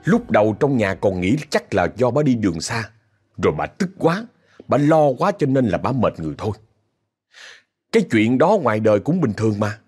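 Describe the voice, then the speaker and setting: A man's voice: mid-range voice, a little mellow, breathy edge. A man with a Southern Vietnamese accent telling a story in a chatty way, talking straight to his listeners. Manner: chatty, addresses listeners directly, indignant asides. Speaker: ghost story narrator. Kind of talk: casual spoken storytelling.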